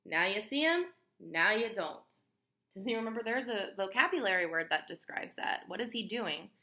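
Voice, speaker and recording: The story is a children's book, read aloud by a woman with a mid-range voice who sounds like a teacher, expressive and emphatic. She halts to clarify and question her young listeners. Everything echoes in a roomy acoustic.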